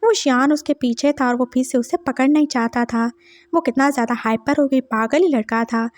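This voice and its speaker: A woman's voice: high voice, fairly quick, no room sound. A woman narrating a fan fiction story in a casual, chatty way, with her own asides.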